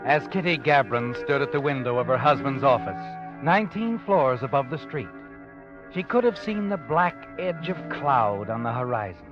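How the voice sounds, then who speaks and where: An actor playing an ominous, all-knowing night-walking storyteller, narrating a 1940s radio mystery in a brooding, theatrical way. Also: male voice, mid-range voice, expressive, normal speed, close to an everyday voice. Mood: knowing, measured. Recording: dull vintage radio recording. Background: dramatic music.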